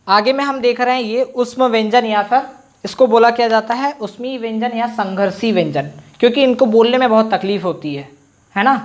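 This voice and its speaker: A man teaching a Hindi grammar lesson online, who asks questions and answers them himself and repeats sounds slowly so students can copy them. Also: extremely high pitch. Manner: addresses viewers directly with frequent "theek hai". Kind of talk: online exam-prep lesson.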